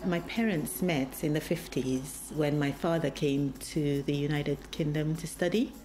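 A woman from Nigeria gives a calm, reflective documentary interview. Her voice is very low for a woman. Music plays clearly beneath her words. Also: measured pace.

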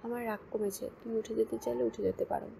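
A woman voicing a stubborn teenage girl student who answers in a sharp, snappish way. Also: fairly high pitch, flat delivery, fast talker, vocal fry, a little hiss or hum, low-quality recording. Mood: sulky.

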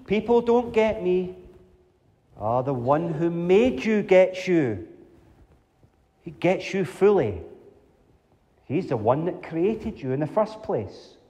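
Slow-preaching man in a reverberant church. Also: on the high side, dark tone. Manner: slow, emphatic preaching with rhetorical questions. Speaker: pastor. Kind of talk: sermon. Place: large church hall with pews and congregation. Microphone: far camera at back of church. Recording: reverberant church hall from a distance.

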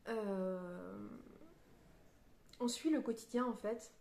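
A woman's voice: medium pitch, takes it slowly, vocal fry, darkish tone, echoey room. A woman reviewing a novel in a casual book vlog, hesitant and searching for her words, with many fillers and restarts. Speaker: book vlogger. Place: on a beach.

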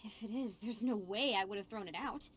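An actress voicing a hushed, curious young girl in a video game, in whispered role-play with an unvoiced whisper. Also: medium pitch, brisk, slight background noise, close to an everyday voice.

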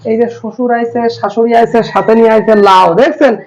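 Chatty high-voiced male family vlogger. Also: fairly even intonation, quick pace, dull audio. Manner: chatty, teasing, repeats a catchphrase. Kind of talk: casual family vlog.

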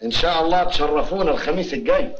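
An actor with an Egyptian Arabic accent playing a stern, harsh old farm patriarch in a classic film, gruff and emphatic. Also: male voice, on the high side, racing, close to an everyday voice. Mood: hospitable. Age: older. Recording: dull old film soundtrack, noisy crowd.

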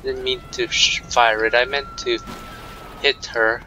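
A man's voice: mid-range voice, little pitch movement, a little slow, a little hiss or hum, low-quality recording. A man giving joking, sarcastic commentary while he plays a video game. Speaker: gameplay commentator. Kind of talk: let's play commentary. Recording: game sounds loud behind voice.

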